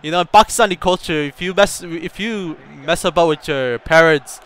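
Young man, gameplay commentary, excitable, shouts at the game, slightly high voice, smooth clear tone. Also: moderate pace. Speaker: gaming YouTuber. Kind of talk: live gameplay commentary and storytelling.

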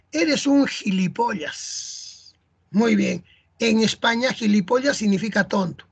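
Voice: mid-range voice, fairly bright tone, husky. A teacher from Peru with a Peruvian Spanish accent, explaining a lesson in a chatty way, often adding "¿no?" and "¿ah?". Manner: chatty, tags lines with rhetorical "¿no?" and "¿ah?".

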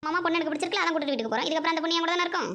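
A woman's voice: very high-pitched, racing, bright, forceful tone, voice pushed up, full character voice. A woman voicing a childish, pushy young man who insists on marrying, whiny and demanding.

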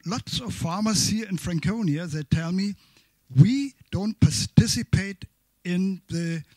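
An older man talks through his points in a conference hall, stopping and restarting often. His voice sits a little high and sounds husky and breathy. The sound is dry and close, with little room echo. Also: a little mellow. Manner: halting, with many restarts and fillers. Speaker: consumer association member speaking from the floor. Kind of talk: spontaneous panel remarks.

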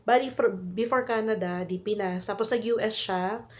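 A woman's voice: medium pitch, moderate pace. A woman in her thirties with a Filipino accent, telling a casual story in a vlog in chatty Taglish with lots of fillers, while she has a cold and a cough. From Philippines. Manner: chatty Taglish with many fillers and tag questions. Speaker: vlogger.

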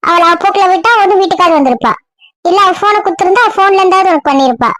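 A woman acting in an audio drama, scolding and bossy with a sharp tongue. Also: very high-pitched, lively intonation, very fast, faint music behind.

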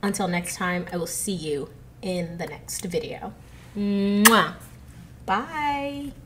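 A woman in her thirties hosts a reaction video from her living room, speaking into an earbud headset mic in a mid-range voice at an unhurried pace. Her nose is stuffy and congested as she chats casually to camera, giggling and talking straight to her viewers.

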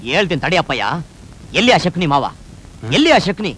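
A brash, quick-talking village youth. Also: male voice, high voice, slight background noise, poor audio. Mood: indignant. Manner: fast, cheeky, animated rustic talk. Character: brash young village man, quick-tongued and cheeky. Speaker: village hero in a comedy film. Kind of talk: film dialogue. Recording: film soundtrack with music underneath.

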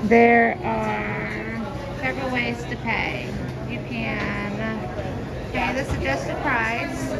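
A woman's voice: on the high side, rough recording. A woman casually vlogging with an upbeat, recommending manner, talking outdoors on a city street. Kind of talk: casual voice-over vlog.

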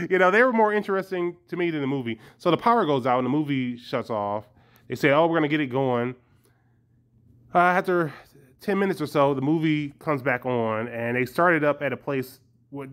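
Rambling man chatting to his viewers. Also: on the high side. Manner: rambling, hesitant, chuckles often. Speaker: vlogger. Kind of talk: casual chat to viewers.

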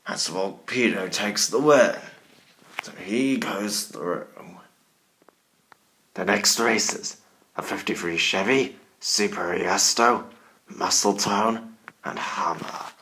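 A man's voice: on the low side, takes it slowly, long pauses, sharp tone, slight background noise. A man commentating a toy car race in a put-on scary Halloween voice, calling out bursts at each start.

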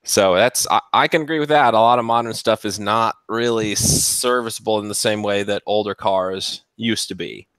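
A man's voice: on the low side, normal speed, few pauses, a bit bright, clean tone, no room sound. A man, a mechanic, talking cars in a casual chat and laughing often. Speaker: mechanic, guest.

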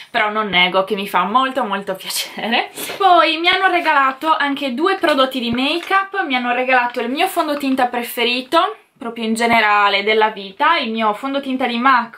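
A woman's voice: fairly high pitch, bright, forceful tone. A young woman speaking to camera in a casual, enthusiastic chat about the Christmas gifts she got, gushing as she shows each one. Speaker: beauty vlogger.

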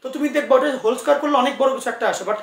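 A man's voice: very high-pitched, racing, gravelly, echoey room, recorded from a distance. A man teaching physics in an online class, reassuring his students and coaxing answers out of them with many asides.

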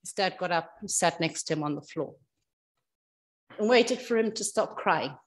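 A woman telling a story to children in a church service, expressive, swinging from soft to loud. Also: lowish voice, moderate pace.

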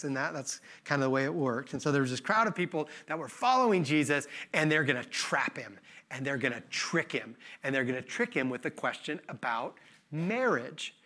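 Guest pastor, fifties, male; bright, slightly high voice; conversational sermon with restarts. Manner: conversational, self-correcting, with quick laughs. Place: church sanctuary.

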